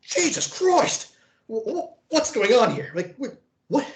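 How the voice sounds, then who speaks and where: A man's voice: very high voice, big pitch swings, takes it slowly, roomy sound, a little hiss or hum, voice pushed up, full character voice. A man voicing a shaken, panicky property owner in a tabletop game. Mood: panicked. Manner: panicky, shouting.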